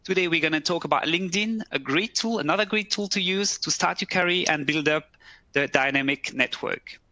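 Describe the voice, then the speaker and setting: Bright-voiced man presenting. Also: on the high side, a little fast, no room sound. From French-speaking Switzerland. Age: 30s. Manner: relaxed, slightly broken English phrasing. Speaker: recruiter. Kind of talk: webcast presentation. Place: office.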